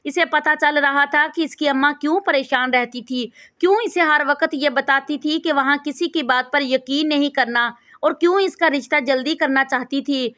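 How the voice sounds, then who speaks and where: A woman narrates a scripted moral story in a steady, even reading. Her voice sits high, and she keeps the telling calm and measured from line to line.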